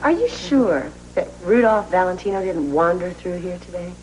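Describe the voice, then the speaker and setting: A woman's voice: on the low side, animated, normal speed, a little hiss or hum, lightly acted, low-quality recording. An actress playing a troubled, self-doubting woman in a television soap opera, earnest and confiding. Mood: curious, suspicious. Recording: background music under dialogue.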